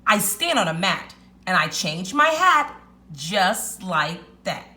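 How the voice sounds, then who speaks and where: A woman voicing a clever, excitable little male rat in a storybook read-aloud, with an emphatic, chanting, exclamatory delivery. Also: on the low side, takes it slowly, full character voice. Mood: chanting, proud.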